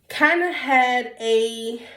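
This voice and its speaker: This young YouTuber talks to her camera in a relaxed, wandering way, stuffy-nosed from a cold and frequently saying um and starting over. Her slightly high voice sounds fairly bright, and the room echoes.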